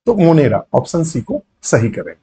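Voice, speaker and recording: Mellow-voiced biology teacher, man. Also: on the high side, wildly swooping pitch, normal speed, breathy edge. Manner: explains while writing, repeats key terms, many fillers. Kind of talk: exam-prep lecture. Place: online class setting.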